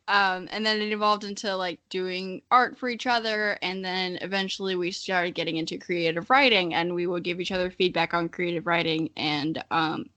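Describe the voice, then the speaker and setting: This early-twenties podcast host from Missouri speaks at a medium pitch with a bright, forceful tone. Her casual comedic chat is informal and full of self-deprecation.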